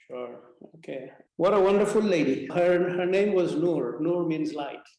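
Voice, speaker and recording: Calm man telling a life story, gravelly and dark voice, lots of room echo. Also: on the high side, unhurried, slight background noise. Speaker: interview guest, spiritual mentor. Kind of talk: reflective personal storytelling. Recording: very echoey room.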